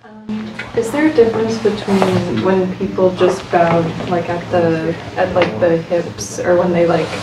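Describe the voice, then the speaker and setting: A hesitant woman student asks a question from the back of a classroom in a low, flat voice. She sounds far from the mic, with room echo and background noise. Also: unhurried. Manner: hesitant, many fillers. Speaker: visiting student. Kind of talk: asking a question. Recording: distant and echoey in a noisy room.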